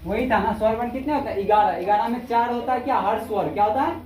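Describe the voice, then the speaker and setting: A woman's voice: a little high, mellow, a little hiss or hum. A woman teaching a Hindi grammar class, quizzing students again and again and stretching out vowel sounds to show their length. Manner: repetitive questioning, drawn-out vowel demonstrations, scolding. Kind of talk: classroom lesson with call-and-response drilling. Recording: echoey room from far off.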